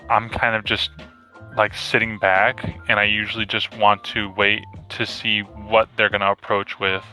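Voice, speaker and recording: A man's voice: fairly low pitch, dull audio. A man on a voice chat that briefly cuts out, talking hesitantly with many fillers and restarts as the player being coached. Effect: voice chat audio that briefly cuts out.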